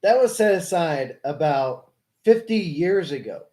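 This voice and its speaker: A man's voice: fairly high pitch, lively intonation, measured pace, mellow. A man hosting a live stream, debating politics with a caller in an explanatory way, correcting and rephrasing as he goes. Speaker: livestream host.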